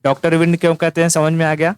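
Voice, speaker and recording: A man's voice: on the high side, monotone, fast talker, clean tone, no room sound. A man teaching an informal exam-prep lesson, teasing the listener and repeating key words as he writes them down. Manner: teasing, repetitive, addresses listener as "tu".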